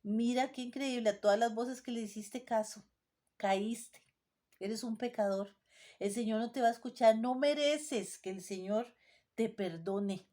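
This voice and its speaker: A woman's voice: fairly high pitch, a little slow, dark tone, close to an everyday voice. A woman preacher voicing the accusing voice of Satan, taunting and scolding in a sermon. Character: accusing voice of Satan, scornful and condemning.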